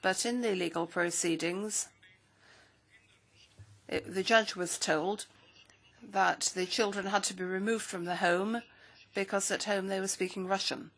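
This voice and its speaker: A woman with a mid-range voice interprets a speech into English at a parliamentary hearing. Her delivery is steady and measured.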